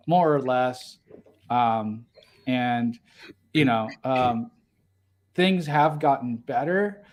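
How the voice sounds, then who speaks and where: A man's voice: medium pitch, a little mellow. Rambling man chatting on a livestream. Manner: rambling, lots of fillers and restarts. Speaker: podcast co-host. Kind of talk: casual livestream chat.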